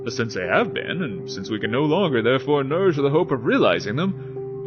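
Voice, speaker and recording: A man with a mid-range voice hosts an informal video essay, explaining philosophy and reading it aloud with emphatic, theatrical flair. The highs in the recording are cut off, and music plays in the background.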